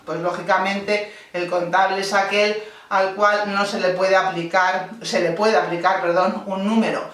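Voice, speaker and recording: A woman's voice: fairly low pitch, a bit bright. A woman teaching a grammar lesson, explaining patiently step by step and correcting herself as she goes. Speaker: English teacher. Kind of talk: classroom-style grammar lesson. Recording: very echoey room, voice from a distance off the mic.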